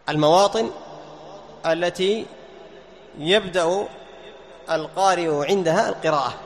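High-voiced male teacher in a reverberant hall. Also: fairly bright tone. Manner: quizzes listeners with questions and answers them himself, repeats key terms. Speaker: teacher of Quran recitation. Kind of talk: classroom lesson. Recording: long reverb, faint background noise.

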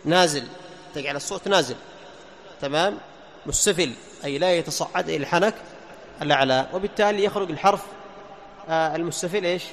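A man with a high voice teaches the rules of Quran recitation, posing questions and answering them himself. He chants short verses slowly to show each sound. His voice carries a long reverb, with faint noise behind it. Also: a bit bright. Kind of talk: tajweed lesson explaining letter articulation.

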